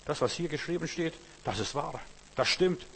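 A man preaching a sermon, emphatic and repetitive, swinging between loud and hushed passages. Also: on the high side, animated, moderate pace, creaky. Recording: long reverb with faint hum.

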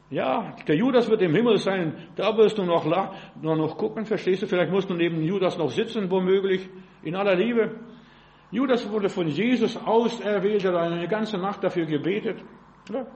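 A man's voice: high voice, darkish tone, lo-fi sound. An older man preaching as a pastor, emphatic and peppered with rhetorical questions to his listeners. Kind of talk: sermon.

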